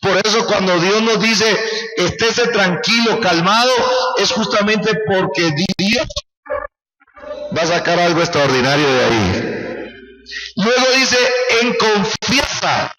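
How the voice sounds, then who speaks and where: A man's voice: sits high, unhurried, sharp tone, faint music behind. A man preaching a sermon as pastor, impassioned and calling out for the congregation's responses. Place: church sanctuary. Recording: roomy church hall.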